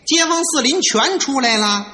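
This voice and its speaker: A man with a Tianjin accent leading a crosstalk routine, telling a comic story in a quick, animated way. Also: extremely high pitch, long reverb tail. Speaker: lead crosstalk performer.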